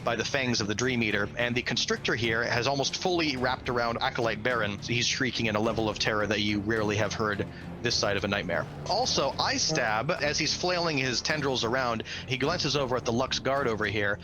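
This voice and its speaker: This game master talks a little fast at a medium pitch, narrating a tabletop game with dramatic, slangy enthusiasm. Background music and some noise can be heard behind his voice.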